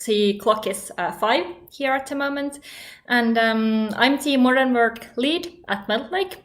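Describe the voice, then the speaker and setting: A woman from Finland opens a live web panel as host, sounding upbeat and a little giggly with some hesitation. She talks at an unhurried pace in a slightly high voice. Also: fairly bright tone. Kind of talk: live online panel introduction.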